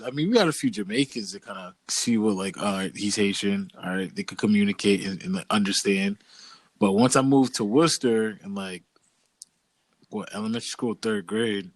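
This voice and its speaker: A young Boston man co-hosts a podcast, spinning stories in a laid-back, loose, slangy way during casual chat. His voice sits fairly low, and the recording has no room sound.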